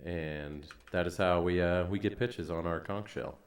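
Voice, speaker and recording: A man who is a guest musician, chatting casually and explaining his instrument in a relaxed way. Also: low-pitched, normal speed. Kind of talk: casual chat. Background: music playing.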